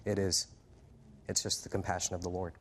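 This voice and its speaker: A male preacher with a lowish voice gives his testimony as a guest. He tells the story earnestly and fluently, drops in small "uh" fillers, and acts out the quoted lines from his past. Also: level tone, a little fast. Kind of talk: personal testimony in an interview.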